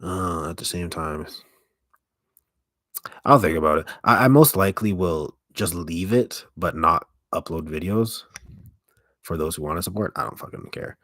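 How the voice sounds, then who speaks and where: Adult man, rock-bottom pitch, husky gravelly tone, casual rambling streamer chat, halting delivery, self-interrupting. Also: fairly bright tone, no echo, clean studio sound. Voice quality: deep, gravelly voice. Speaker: ASMR streamer hosting a live stream.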